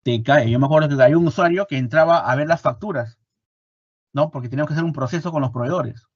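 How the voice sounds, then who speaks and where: Husky Peruvian man teaching a class. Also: fairly high pitch, fast, dry recording, highs cut off. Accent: Peruvian Spanish. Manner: animated, repeats points with rhetorical questions. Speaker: instructor. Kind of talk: online lecture.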